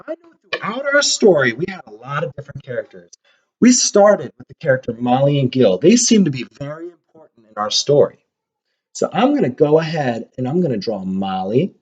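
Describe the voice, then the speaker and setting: A man's voice: a little high, big pitch swings, brisk, a little mellow, slightly rough. A man teaching young children, talking to them in an upbeat way while he draws. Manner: upbeat, talks to kids while drawing. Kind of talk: reading a storybook and teaching a lesson. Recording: dull lo-fi sound.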